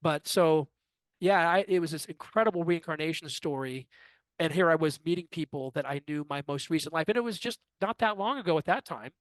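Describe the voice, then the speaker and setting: Here a man in his fifties, interviewed as a guest, works through a long personal tale, animatedly voicing what other people said. He speaks a little fast in a voice on the high side, with no room sound at all.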